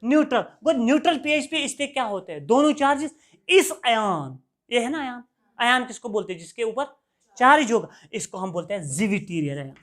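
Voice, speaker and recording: A man teaching a classroom lecture who keeps checking whether the students follow. He asks a question, repeats the key term and answers it himself in a steady call-and-response rhythm. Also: extremely high pitch, a little fast. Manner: quizzes students and answers his own questions.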